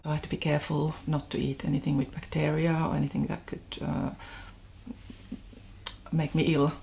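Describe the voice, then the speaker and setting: A woman's voice: low-pitched, little pitch movement, moderate pace, gravelly, dark tone, slight background noise. A woman from Finland, with a Finnish accent, speaks hesitantly about her own experience as a patient, using many fillers and short, broken phrases. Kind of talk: interview testimony.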